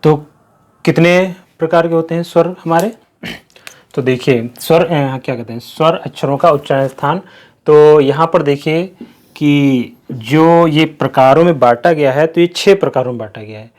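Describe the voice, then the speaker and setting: A male Hindi grammar teacher with a somewhat high-pitched voice. He walks through the lesson slowly, drills each point by repeating it, and poses questions that he answers himself. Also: a little mellow. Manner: slow, repetitive explaining with questions to the class. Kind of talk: classroom-style lesson.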